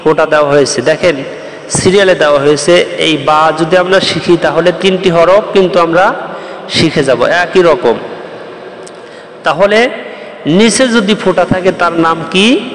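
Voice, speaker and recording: A man's voice: a little high, a little slow, long pauses, a bit bright, reverberant, in a large hall, a little hiss or hum. A man from Bangladesh teaching the Arabic letters, explaining each step patiently and chanting the rhymes in a sing-song voice. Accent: Bangladeshi Bengali. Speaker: Quran teacher.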